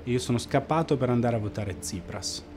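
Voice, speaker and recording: A man playing a disillusioned former party member in a mockumentary interview, recounting events in a flat, matter-of-fact way. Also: mid-range voice, a little fast, noisy background, lightly acted. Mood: deadpan. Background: background music.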